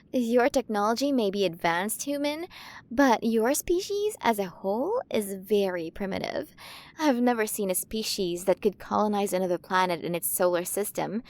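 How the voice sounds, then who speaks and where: In an ASMR roleplay, a woman with a high-leaning voice plays a playful, curious alien queen of a galaxy. She speaks to the listener earnestly, sounding fascinated and coaxing.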